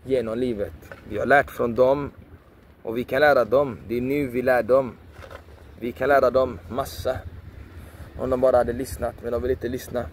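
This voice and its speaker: A man's voice: medium pitch, fairly even intonation, a little hiss or hum. A man giving a passionate motivational monologue, repeating phrases emphatically, swearing for emphasis and sounding preachy. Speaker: video creator.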